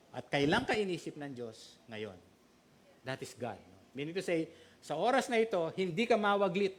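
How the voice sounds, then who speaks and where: Man, pastor, sermon, fairly high voice, very lively intonation, rhetorical questions.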